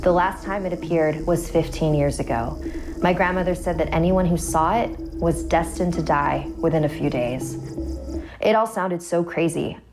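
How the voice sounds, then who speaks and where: A woman's voice: lowish voice, background noise. A woman narrating a scripted first-person horror story, with music behind her voice.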